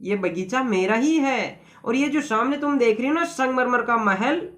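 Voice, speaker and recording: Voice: medium pitch, expressive, normal speed, close to an everyday voice. A teacher playing a kindly rich old man. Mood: coaxing. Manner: coaxing, gentle. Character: rich, kindly older man, garden owner.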